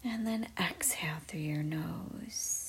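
A woman guiding a meditation in a soft, slow, mostly whispered voice. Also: fairly low pitch, gravelly, a little hiss or hum. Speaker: meditation guide. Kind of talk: guided meditation.

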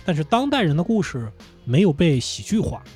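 A man's voice: on the high side, a little fast, husky, soft background music. A man guest on a podcast talking casually and animatedly about running a comedy company. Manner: animated, laughs and swears when excited. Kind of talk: casual conversational interview. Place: indoor studio.

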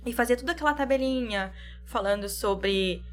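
A young woman speaks at an ordinary pitch in a casual chat. She explains things calmly and plainly. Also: moderate pace, music in the background.

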